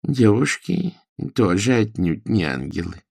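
A man voicing a strict, commanding old female governess in an audiobook, with slow, drawn-out scolding commands. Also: fairly low pitch, sing-song, vocal fry, darkish tone, slightly rough, dry recording, studio quality, heavily acted. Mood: prim. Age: older. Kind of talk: audiobook character voice.

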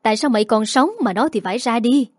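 A woman's voice: on the high side, fast talker, no room sound, studio quality, close to an everyday voice. A woman voicing a grieving, harsh grandmother in her eighties who wails and scolds. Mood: grieving, scolding. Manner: wailing, scolding.

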